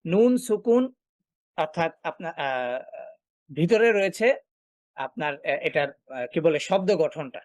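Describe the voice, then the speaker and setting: A man teaching a recitation class, explaining step by step and asking and answering his own questions, often pausing with filler sounds. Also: a little high, animated, a little mellow, no room sound, muffled recording. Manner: frequent filler sounds while thinking. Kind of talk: online class lecture.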